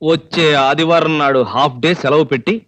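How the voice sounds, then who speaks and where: A glib, flirty comic husband. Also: male voice, very high voice, big pitch swings, pushed and bright, a little hiss or hum, full character voice. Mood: deadpan. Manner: cheeky, fast wisecracking. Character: flirty, glib, mischievous middle-aged husband. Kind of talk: 1990s film comedy acting.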